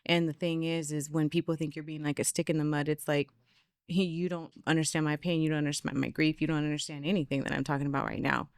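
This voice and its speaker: A woman's voice: sits low, level tone, fast talker, no room sound, studio quality. A woman speaking emphatically and passionately in a casual podcast conversation.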